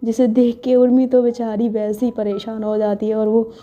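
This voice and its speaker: Woman storyteller, casual chatty retelling; dark mellow voice, dull lo-fi sound. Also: on the high side, monotone, normal speed. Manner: chatty, filler-heavy retelling. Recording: dull lo-fi with faint music.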